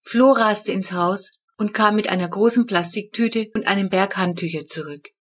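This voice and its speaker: Female narrator for a kids' audiobook, lively, clear delivery. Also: mid-range voice, normal speed. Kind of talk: scripted narration.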